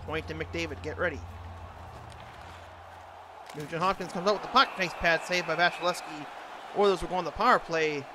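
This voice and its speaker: A man's voice: fairly high pitch, a little fast, pauses often, a crowd in the background. A man doing an amateur announcer impression, giving hockey play-by-play commentary in short clipped phrases. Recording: clearly noisy, ambient background noise.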